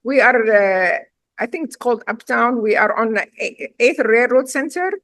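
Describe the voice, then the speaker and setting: A woman's voice: on the high side, expressive, normal speed, a bit bright, dry recording. A middle-aged woman from Syria with a Syrian accent, a chef and restaurant owner telling her story in a casual interview, emphatic and direct.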